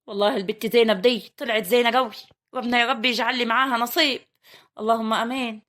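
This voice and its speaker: A woman's voice: a little high, steady tone, quick pace, a bit bright, close to an everyday voice. A woman voicing a good-natured young village man, pleading in an easygoing way. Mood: smitten. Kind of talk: comic family drama acting.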